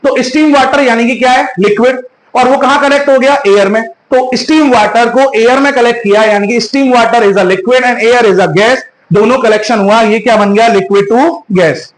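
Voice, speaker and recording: High-voiced chemistry teacher, echoey. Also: male voice. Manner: asks questions and answers them himself, calls students "beta"; drawn-out, slow spelling of key terms. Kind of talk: online class lecture.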